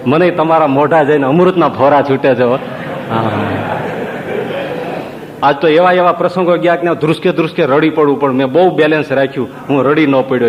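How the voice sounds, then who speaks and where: A man telling devotional stories in a sermon, often asking his listeners questions. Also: fairly high pitch. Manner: storytelling with rhetorical questions. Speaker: preacher. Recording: long reverb, dull lo-fi sound, faint ambience.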